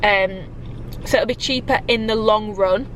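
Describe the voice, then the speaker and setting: A British fitness vlogger in her twenties chats casually to camera from a parked car and at home, full of likes and ums, her nose a little blocked from a cold. Her medium-pitched voice is a bit bright and slightly slow. The low-quality recording carries slight background noise.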